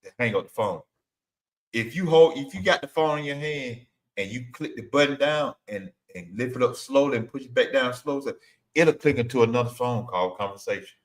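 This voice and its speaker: A man in his fifties in casual chat, telling relaxed stories and acting out old phone calls. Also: mid-range voice, a little fast. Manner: laid-back storyteller, acts out phone calls.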